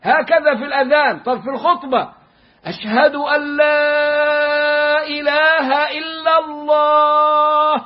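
A man teaching correct pronunciation of a religious phrase, chanting words slowly to demonstrate, with a lilt in his asides. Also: extremely high pitch, lo-fi sound. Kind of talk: recitation lesson.

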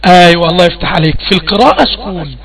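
A man's voice: sits high, rapid-fire, fairly bright tone. A man with an Egyptian accent teaching Quran recitation rules in an online class, quizzing his student and repeating questions to prompt answers. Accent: Egyptian Arabic.

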